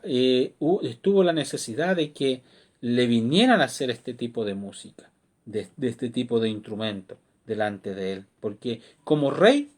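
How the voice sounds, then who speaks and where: Middle-aged male pastor, expressive sermon voice with lots of melodic lift, sits a bit high. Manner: expressive, asks rhetorical questions. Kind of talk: devotional sermon.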